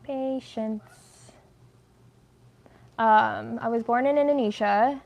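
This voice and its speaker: A woman's voice: fairly high pitch, slow pace, vocal fry, muffled recording. A woman hosting a casual at-home livestream, chatting while she crochets, rambling and easily sidetracked, with a lot of "like". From United States. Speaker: livestream host.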